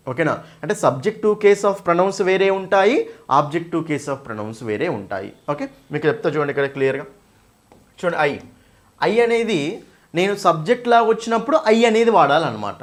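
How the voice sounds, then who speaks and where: A man teaching English grammar for an exam in Telugu-accented speech, mixing in English terms and asking students questions that he answers himself. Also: high-pitched. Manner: asks students questions and answers them himself, repeats key points. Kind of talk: exam-prep grammar lesson.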